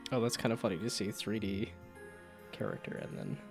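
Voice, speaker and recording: A man's voice: on the low side, brisk, creaky, over music. A man doing casual, rambling game commentary as a streamer, jokey and thinking aloud.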